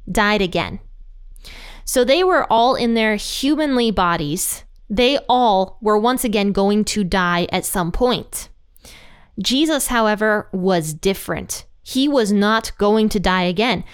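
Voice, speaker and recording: A woman's voice: mid-range voice, clean tone. A woman hosting a podcast, giving earnest, conversational Bible teaching and retelling scenes playfully.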